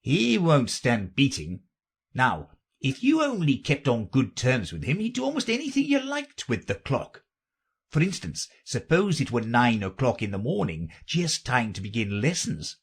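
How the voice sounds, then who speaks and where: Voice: medium pitch, huge pitch swings, measured pace, vocal fry, breathy edge, pitched above the performer's own voice, full character voice. A reader voicing an eccentric, mournful and argumentative storybook man who explains himself in a theatrical, insistent manner. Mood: excitable.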